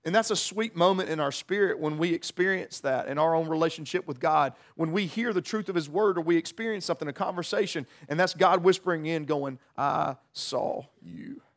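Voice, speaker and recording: A man's voice: fairly high pitch, fairly quick, few pauses. A man preaching an informal, conversational sermon, earnest in tone and often restarting or repeating words as he works through a passage.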